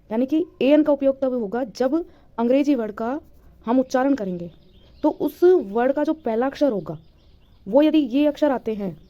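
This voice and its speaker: A woman's voice: fairly high pitch, dull audio. A woman teacher giving a grammar lesson, patiently repeating points and answering her own questions.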